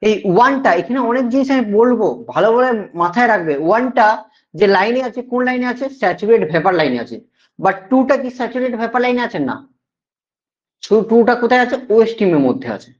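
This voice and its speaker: A male teacher with a Bengali accent giving a classroom lecture, repeating key points and often checking that students follow. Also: sits high. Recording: dull lo-fi sound.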